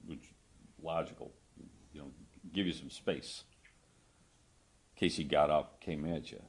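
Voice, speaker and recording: A man questioning a witness in court as a lawyer, conversational, phrasing things haltingly and seeking confirmation. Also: very deep voice, fairly even intonation.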